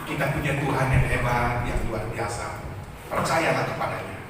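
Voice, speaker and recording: A man's voice: mid-range voice, normal speed, noisy background. A man preaching a fervent sermon as pastor, often addressing the congregation directly. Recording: echoey hall, from far off.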